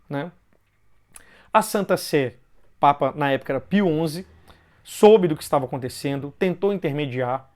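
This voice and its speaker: Man, Brazilian Portuguese accent, fairly high voice, conversational explaining, pauses and restarts. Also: darkish tone. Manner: conversational, often ends phrases with a questioning "né"; loosely paced with pauses and restarts. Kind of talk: informal explanatory talk.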